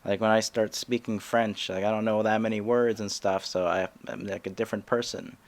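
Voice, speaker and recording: A man hosting a comedy podcast in casual chat, talking haltingly with many restarts and little laughs. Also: fairly low pitch, fairly even intonation.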